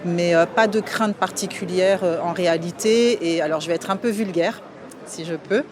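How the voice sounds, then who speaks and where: Hesitant woman in her forties, low voice. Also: normal speed. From France. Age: 40s. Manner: hesitant, many filler sounds and restarts. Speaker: interview guest. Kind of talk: casual interview answers. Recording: clear outdoor street noise behind.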